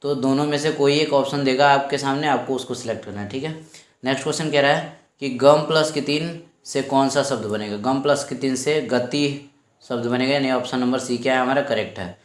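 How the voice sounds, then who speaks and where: A man's voice: medium pitch, brisk. A male teacher going through exam questions step by step, saying each question aloud twice before he answers it. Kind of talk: exam-prep lesson. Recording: echoey room.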